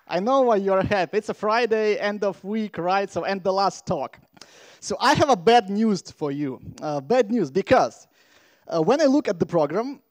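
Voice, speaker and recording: A man from Latvia giving a playful, energetic conference talk from a stage microphone. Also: high-pitched, dry recording. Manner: energetic, playful, engages the crowd. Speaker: conference speaker.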